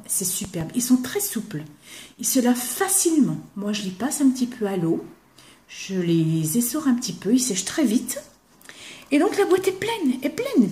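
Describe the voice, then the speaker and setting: Chatty older Frenchwoman showing her craft gifts. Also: medium pitch. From eastern France. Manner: chatty, warm, drops to a whisper when admiring things. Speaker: craft vlogger. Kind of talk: casual chat showing gifts to camera.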